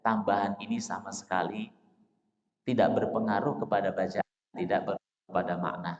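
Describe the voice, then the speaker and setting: Male mosque lecturer, questions the room then answers himself, slow recited examples; roomy hall echo, dull lo-fi sound. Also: lowish voice, steady tone. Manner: asks the audience questions and answers them himself; addresses listeners as Pak, Bapak Ibu. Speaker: Islamic teacher. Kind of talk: dawn mosque study lecture.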